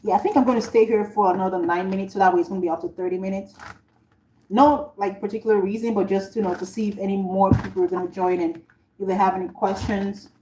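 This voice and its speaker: Cooking at home, a Nigerian author chats and rambles with viewers on a relaxed livestream. She talks fast in a mid-range voice with fairly even intonation, while the roomy, distant kitchen audio picks up background noise and a running tap.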